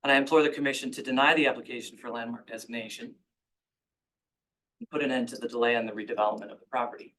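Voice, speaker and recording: A man giving formal public comment at a commission hearing, measured and argumentative. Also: mid-range voice, steady tone, a bit bright, poor audio.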